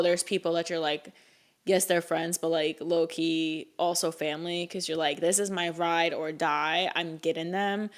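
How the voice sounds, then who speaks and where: Young female co-host, casual podcast chat, rambling, lots of "like" and "um", a little low. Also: a bit bright. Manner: rambling, filler-heavy, laughs often.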